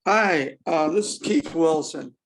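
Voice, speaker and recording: An older man farmer joining a roundtable remotely, his halting words breaking up as his internet connection cuts out. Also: on the high side, a little hiss or hum. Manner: halting, slow, broken-off phrases. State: voice dropping in and out. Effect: audio cutting out over a bad internet connection. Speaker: farmer panelist. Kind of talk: roundtable discussion. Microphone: remote call connection.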